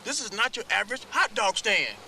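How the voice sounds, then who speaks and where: An actor playing an exasperated, boastful fast-food boss in a comedy film, emphatic and cajoling. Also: male voice, high voice, big pitch swings, creaky, pushed and bright, exaggerated voice. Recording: film clip with noisy backdrop.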